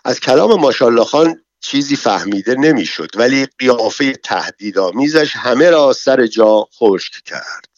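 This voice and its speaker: A man narrating an audiobook in a measured, dramatic storytelling manner. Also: medium pitch, animated, no room sound. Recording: dull, dry, lo-fi recording.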